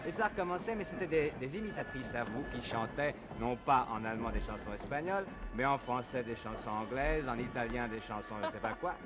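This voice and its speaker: A man's voice: medium pitch, lively intonation, a little fast, few pauses, over music. A man presenting and interviewing in a wry, teasing, polished broadcast manner. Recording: 1950s broadcast recording with clear hiss.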